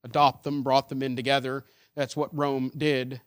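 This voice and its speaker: A man preaching a sermon, building emphatic rhetorical questions that swell louder and drop soft. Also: medium pitch, little pitch movement, moderate pace. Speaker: pastor.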